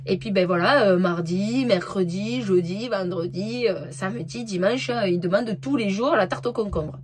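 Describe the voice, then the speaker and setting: A woman's voice: medium pitch, normal speed. A woman winegrower, chatting in a hesitant way with lots of fillers while outdoors in a vineyard. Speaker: winegrower vlogger. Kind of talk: casual vlog chat.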